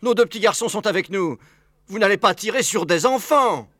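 A man's voice: sits high, expressive, fairly quick, fairly bright tone, no echo, studio quality. A man playing a frightened hunter and father who pleads frantically in an audiobook. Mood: pleading. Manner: frantic, pleading, promising in a rush. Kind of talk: audiobook character reading.

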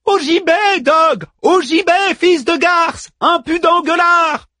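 A man voicing a small, plucky male robot sailor in an audiobook, in a high, excited and emphatic voice. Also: moderate pace, no room sound, studio quality. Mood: shouting theatrically.

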